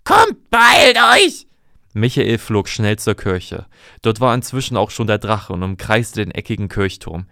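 A man calmly reading a fairy tale aloud in an even storytelling manner. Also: lowish voice, normal speed, no echo, studio quality.

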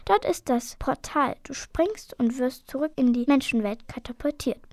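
Excitable storybook dragon, male, read by a woman, highish, gravelly. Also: normal speed, no room sound. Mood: eager.

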